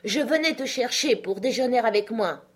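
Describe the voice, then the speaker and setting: A stout, good-hearted old gentleman who booms out his good news, as a woman narrator puts him on. He is hearty and exclamatory. It reads as an audiobook character voice. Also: animated, moderate pace, breathy edge. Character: stout, sweating, good-hearted older man.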